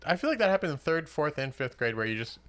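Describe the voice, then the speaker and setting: A man in his twenties co-hosts a casual podcast. His voice is bright and forceful, and he joins in eagerly and laughs along easily. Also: fairly high pitch, big pitch swings, quick pace. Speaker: podcast co-host. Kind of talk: casual chat.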